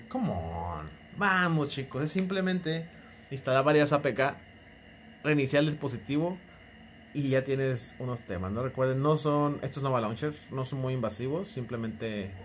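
A man's voice: mid-range voice, slight background noise. A young man with a Mexican accent chatting through a casual phone tutorial, joking and teasing the viewer as he goes. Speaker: tech YouTuber.

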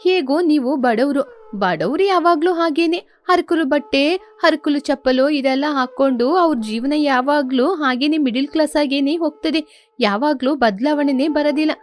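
A woman's voice: high-pitched, moderate pace, lightly acted. Woman voicing a haughty bossy young wife. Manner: boastful, scornful. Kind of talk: storybook character voice.

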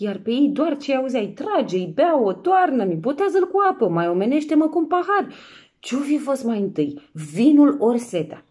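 A woman reading a classic tale aloud, playfully acting out the characters' shouts and sayings. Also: mid-range voice, slightly rough. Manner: lively, playful, acts out voices and exclamations. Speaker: actress reading a book aloud. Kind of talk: expressive storybook reading.

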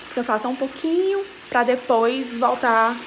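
A young woman with a fairly high voice talks casually to her viewers while filming herself at home. She holds the camera at arm's length as she moves between kitchen and living room, with faint household noise behind her. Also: animated, unhurried. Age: young adult. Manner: chatty, talks straight to viewers. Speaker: vlogger. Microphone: handheld camera at arm's length.

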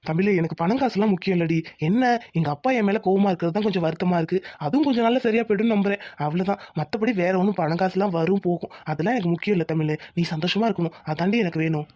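A woman voicing a gentle, devoted young village husband who works as a mechanic. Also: on the low side, no echo, lightly acted. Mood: tender. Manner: gentle, reassuring, quick talk. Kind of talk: cartoon voice acting.

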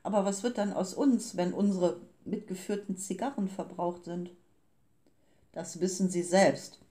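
A woman's voice: lowish voice, steady tone, unhurried, mellow, lightly acted. A woman reading the lines of cold, businesslike grey men who steal time, in a clipped, formal manner. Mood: panicked. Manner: clipped and formal, turning panicked.

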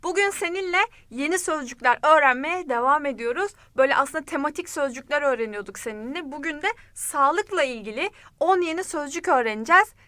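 A woman language teacher giving an online lesson, talking to the learner directly in a friendly way and repeating words slowly and clearly. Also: sits high, expressive, sharp tone, dry recording.

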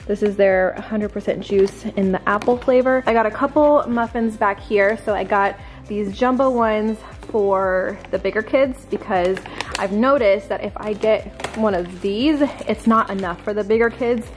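A woman's voice: medium pitch, measured pace, soft background music. A woman in her thirties, a family vlogger, chatting casually and in a friendly way with her viewers as she shows her groceries in a large home kitchen. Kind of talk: casual grocery haul chat.

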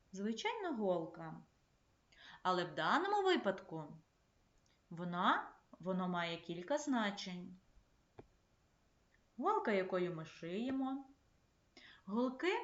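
Female primary teacher, remote lesson, measured delivery, roomy echo, slightly dull sound. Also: medium pitch. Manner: clear, measured classroom instruction. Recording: echoey, slightly dull room recording.

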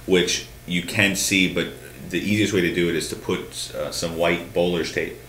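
A man in his thirties co-hosts a bowling talk show from a studio desk, answering questions in casual chat and explaining at length with frequent restarts and hand gestures. His voice sits low, steady and fairly bright, at normal speed. The studio sounds roomy and echoey, with a faint hum.

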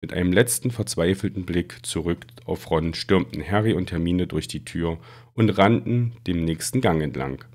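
A man reading a children's fantasy book aloud in a steady storytelling manner. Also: low voice, moderate pace. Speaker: reader.

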